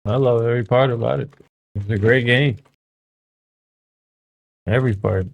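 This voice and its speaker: A man's voice: medium pitch, normal speed, creaky, lo-fi sound. A man co-hosting a reaction video, laid-back and giving short casual remarks.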